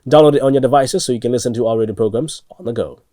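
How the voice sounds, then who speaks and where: A man's voice: mid-range voice, very fast, mellow, dry recording, clean studio sound. A man presenting radio news, reading scripted reports.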